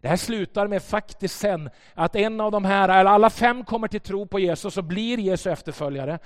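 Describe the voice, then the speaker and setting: A man preaching a sermon, telling a story and swinging between soft and loud passages. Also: sits high, in a large hall. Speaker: pastor. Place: church.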